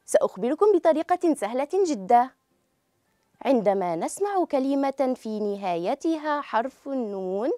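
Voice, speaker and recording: A woman teaching a children's grammar lesson, speaking slowly and clearly and drawing out each example word for pupils to repeat. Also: high-pitched, warm tone, no room sound, clean studio sound. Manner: clear, drawn-out model pronunciation.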